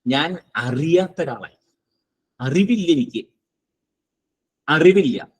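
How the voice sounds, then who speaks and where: A man teaching a philosophy class, slow and deliberate, posing rhetorical questions and answering them himself. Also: fairly high pitch, poor audio. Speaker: spiritual teacher. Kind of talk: Vedanta philosophy class lecture.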